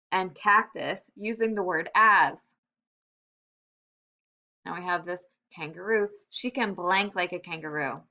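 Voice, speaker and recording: A woman teacher giving a recorded lesson to young children, upbeat, slowing down to stress example phrases. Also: lowish voice, bright, forceful tone. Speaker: elementary school teacher. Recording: slightly dull computer-mic sound.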